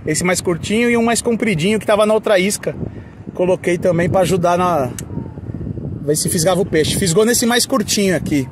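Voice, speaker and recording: A man chatting excitedly and laughing often as he hosts a fishing vlog out on a boat. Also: sits high, brisk. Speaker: fishing vlogger host. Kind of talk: casual on-camera fishing chat. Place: outdoors on a boat at sea. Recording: loud wind and boat noise.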